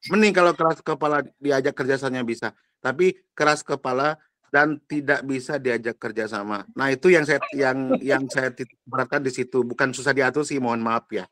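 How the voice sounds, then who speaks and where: A man's voice: medium pitch, a little fast, a bit bright, dry recording. A man from Sumatra asking a question on a podcast in a careful, apologetic way.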